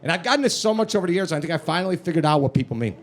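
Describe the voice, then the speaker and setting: A man's voice: a little high, animated, very fast. A man with a thick Chicago accent doing brash, streetwise stand-up comedy. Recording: noisy live comedy room.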